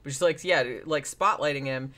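A man's voice: fairly high pitch, moderate pace, bright, forceful tone. Man, podcast host, chatty recap, rambling, lots of "like" fillers, casual swearing. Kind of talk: casual retelling of a paranormal TV episode.

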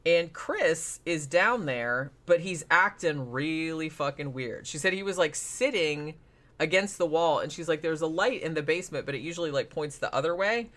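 A man's voice: fairly high pitch, lively intonation, moderate pace, a bit bright. Rambling casual man with constant fillers. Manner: rambling, heavy on fillers and swearing. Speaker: podcast host. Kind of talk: casual retelling of a paranormal TV episode.

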